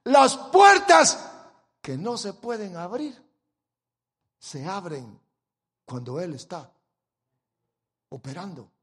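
A man preaching a sermon, swinging between loud exclamations and quiet asides. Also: high voice, very animated, takes it slowly, long pauses, big-room sound, a little hiss or hum.

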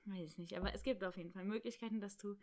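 A young woman casually telling a story about her travels, animated and acting out bits of dialogue. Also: medium pitch, racing. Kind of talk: casual chat.

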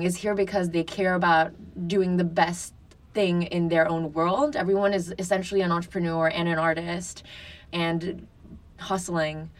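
A woman's voice: fairly low pitch, distant mic. Candid young woman, a bit off-mic. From France. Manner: chatty, frequent "like" fillers, candid. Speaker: podcast guest. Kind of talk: casual interview talk.

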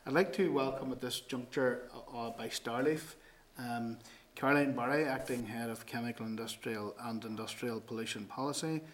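A Northern Irish man chairing a formal committee meeting in a businesslike, procedural way, with halting delivery. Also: mid-range voice, fairly even intonation. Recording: clearly noisy meeting audio with clicks.

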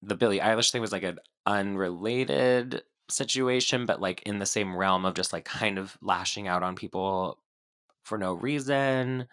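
A male podcast co-host with a slightly low, bright and forward voice that carries vocal fry. He chats casually in a rambling way, leaning on "like" as he goes. The recording is close and dry. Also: moderate pace, no echo. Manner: heavy filler "like", rambling, hedging. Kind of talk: casual pop culture podcast chat.

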